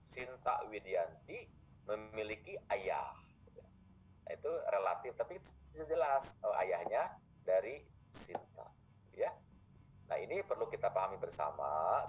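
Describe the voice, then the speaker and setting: A man's voice: lowish voice, lively intonation, a little slow, lo-fi sound, a little hiss or hum. A middle-aged man lecturing his students in a classroom, explaining points patiently and posing rhetorical questions.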